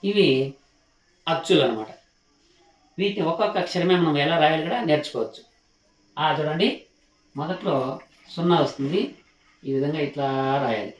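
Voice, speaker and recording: A male teacher giving a slow alphabet lesson, patiently repeating each sound and stopping to ask his learners questions while he writes. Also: on the high side, lively intonation. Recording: roomy echo.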